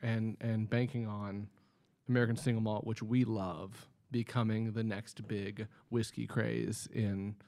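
Gravelly-voiced man explaining whiskey. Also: lowish voice, level tone, dark tone. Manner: explanatory, measured, frequent um fillers. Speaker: distillery production manager. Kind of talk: casual podcast chat. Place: indoor studio at a table.

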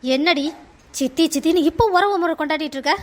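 A woman's voice: sits high, fast, close to an everyday voice. A woman voicing a scheming, emotional middle-aged aunt in a cartoon family drama, scolding in a melodramatic way. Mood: angry reproach.

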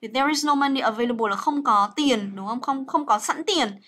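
A woman's voice: a little high, normal speed, fairly bright tone. A young woman teaching English grammar on a livestream, chatty and coaxing, full of fillers and checks with her students.

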